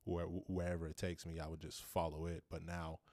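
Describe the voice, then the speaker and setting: A young man, a rapper and producer, answering interview questions in a relaxed, rambling way with restarts. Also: low-pitched, a little fast, dry recording, studio quality.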